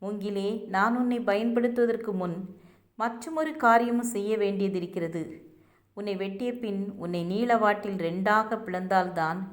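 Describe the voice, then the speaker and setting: A woman's voice: medium pitch, moderate pace, lightly acted. A woman voicing a sorrowful garden master. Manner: sad, gentle. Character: sorrowful male garden owner, kind master.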